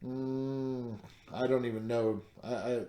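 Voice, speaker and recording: A man's voice: mid-range voice, steady tone, slow, mellow. Chatty podcast host man, echoey room. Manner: rambling, lots of fillers and restarts, laughs easily. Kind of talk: casual podcast chat.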